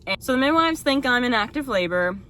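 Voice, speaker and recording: A young woman tells her story in a loose, chatty way, stringing thoughts together with "like" and light laughter. Her voice is bright and forward. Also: high voice, expressive, fairly quick. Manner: chatty, fills speech with "like", laughs often. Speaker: vlogger sharing her birth story. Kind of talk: casual storytelling to camera.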